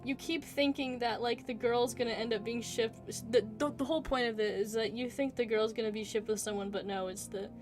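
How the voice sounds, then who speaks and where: A woman's voice: a little high, fairly even intonation, fairly quick, few pauses, over music. A woman casually improvising a story in a rambling, giggly, playfully mock-earnest way. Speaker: narrator pitching a made-up movie plot.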